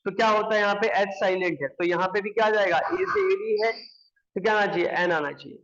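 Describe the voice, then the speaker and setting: A man's voice: sits high, a little fast, fairly bright tone, lo-fi sound. A man teaching English grammar, explaining step by step and answering his own questions. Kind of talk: classroom explanation.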